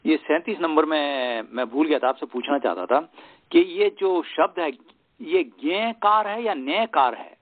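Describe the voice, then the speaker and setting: Male student, a bit higher voice, politely asking questions on a tinny call. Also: unhurried. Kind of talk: asking questions in an online class. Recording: tinny phone-line audio.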